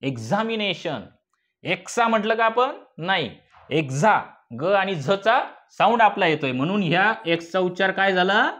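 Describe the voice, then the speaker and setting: A man's voice: high-pitched, expressive, normal speed, hardly any pauses, a bit bright. A male teacher with a Marathi accent giving a phonics lesson, spelling words out letter by letter and asking and answering his own questions.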